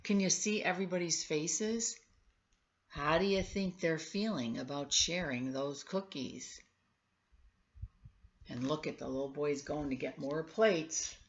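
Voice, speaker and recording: With a deep voice and a somewhat slow pace, a woman reads a story to young listeners, prompting them with questions and tossing in exclamations as asides. The sound is lo-fi.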